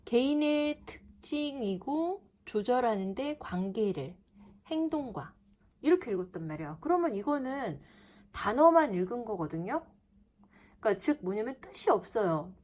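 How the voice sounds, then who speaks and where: A woman's voice: a little high, normal speed. A woman teaching English reading, speaking straight to her students and reading example sentences aloud phrase by phrase as she explains. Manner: animated, reads sentences aloud in chunks; calls herself teacher, talks to students directly.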